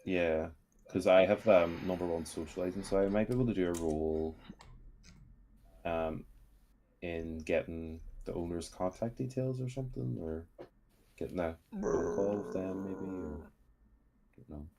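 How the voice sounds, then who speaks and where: A man's voice: deep voice, measured pace, pauses often, warm tone, slight background noise. A man playing a tabletop game, musing aloud with many hesitations and fillers. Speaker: player. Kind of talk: casual tabletop game chat.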